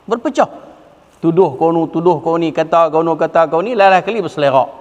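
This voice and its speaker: High-voiced preacher in a hall. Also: male voice, a little fast, highs cut off. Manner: lively, rhetorical questions, breaks into quoted Arabic. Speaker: religious teacher. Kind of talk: sermon. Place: religious hall.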